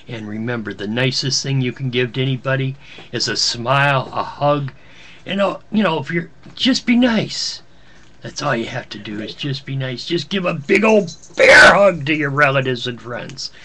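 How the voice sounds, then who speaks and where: A man's voice: medium pitch, fairly bright tone. A man playing Santa Claus as a jolly, kindly old man, telling a Christmas story in a folksy, jovial manner. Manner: jovial, folksy, chuckling asides. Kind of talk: storytelling, reading a Christmas poem aloud.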